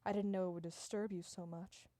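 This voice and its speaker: A dramatic, lovesick robot man pours out earnest, melodramatic lines, as a woman puts him on in her own voice. The tone is mellow and soft, and the recording is close and dry. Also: fairly low pitch, level tone, a little fast, dry recording, close to an everyday voice.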